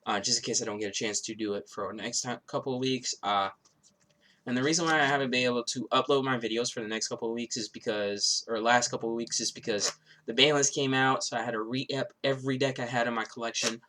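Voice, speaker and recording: Fast and steady in tone, this man's medium-pitched voice sounds pushed and bright. Though a bit sick, with a stuffy nose and sore throat, he casually explains a card game deck, rambling, using many fillers and often starting over.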